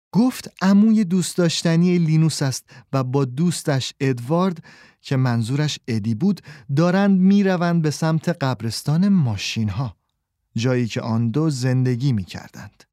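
A man narrating a children's audiobook in an expressive storytelling manner. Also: a little high, no room sound, clean studio sound. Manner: expressive storyteller voicing all characters.

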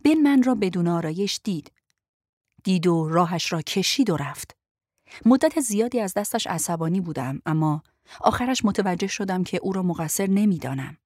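A young woman narrates a first-person novel in a measured, even storytelling voice. The sound is close and dry, with no room around it. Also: on the low side, dry recording. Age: young adult. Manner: measured, dry storytelling with sharp angry dialogue. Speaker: audiobook narrator.

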